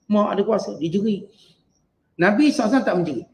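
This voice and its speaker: A man with a Malaysian Malay accent teaching a Quran exegesis lesson, chanting Arabic verses slowly and then explaining them in lively everyday speech. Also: high-pitched, gravelly, echoey room, slight background noise, poor audio. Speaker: religious teacher.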